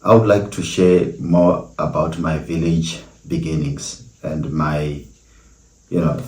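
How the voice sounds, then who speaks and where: A middle-aged South African man hosting a solo podcast, telling his story in an earnest, reflective way with many pauses. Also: extremely low pitch, darkish tone. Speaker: podcast host. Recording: echoey room.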